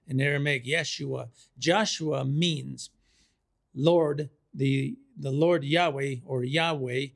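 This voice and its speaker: A man preaching a sermon, slow and deliberate, repeating key phrases for emphasis. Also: fairly high pitch, gravelly, fairly bright tone.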